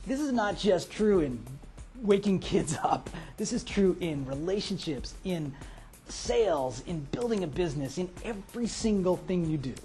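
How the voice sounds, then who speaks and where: A man hosting a motivational lesson, telling a story with lively, dramatic delivery. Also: high voice, moderate pace, soft background music. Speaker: motivational host.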